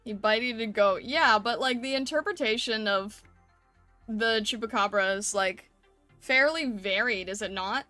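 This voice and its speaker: Female art streamer, higher register, informal and conversational, speaking over background music. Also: unhurried, sharp tone, no echo. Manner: conversational, often ends with tag questions. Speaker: streamer hosting an art livestream. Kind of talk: casual livestream chat.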